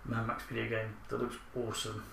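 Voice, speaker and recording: A man's voice: lowish voice, completely flat delivery, brisk, vocal fry, a bit bright. A man hosting a podcast, chatting loosely about films and swearing freely. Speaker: podcast host. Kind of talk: casual chat about films. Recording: roomy echo, faint background hiss.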